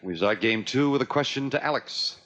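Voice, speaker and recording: A man's voice: mid-range voice, expressive, brisk. A man hosting a game show, announcing questions and results in an upbeat, emphatic way in front of a studio audience. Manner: emphatic, repeats answers and calls results. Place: television studio with live audience. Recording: 1980 TV studio, loud audience and noise. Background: loud studio audience.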